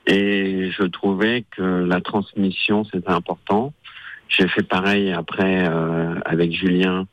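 A man, a chef and radio guest, chatting casually with halting, hesitant phrasing. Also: low voice, little pitch movement, no room sound, highs cut off. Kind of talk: casual chat.

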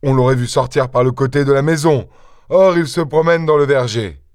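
A man doing a gruff angry peasant farmer. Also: medium pitch, normal speed, no echo, clean studio sound, lightly acted. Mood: uneasy. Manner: gruff, bullying and shouting. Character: angry, brutish middle-aged peasant farmer. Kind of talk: audiobook character voice.

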